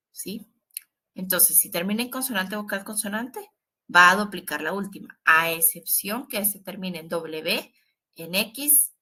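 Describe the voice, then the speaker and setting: Bright-voiced woman teaching English grammar. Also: mid-range voice. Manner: patient, repetitive, stresses warnings with frequent "¿sí?" check-ins. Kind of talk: online grammar lesson.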